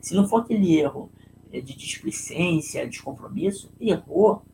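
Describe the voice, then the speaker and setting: A Brazilian man with a gravelly, creaky voice talks through a leadership lesson on a live stream. He tells a story in a loose, chatty way and keeps checking in with his listeners. A faint hum of room noise sits behind him. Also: high voice, animated, normal speed. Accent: Brazilian Portuguese. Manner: conversational, tag questions, storytelling.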